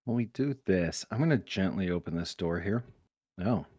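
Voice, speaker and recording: Game player, animated pitch, unsure and rambling. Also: normal speed, slightly rough, no room sound, clean studio sound. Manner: hesitant, second-guesses aloud. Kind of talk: casual chat at a game table.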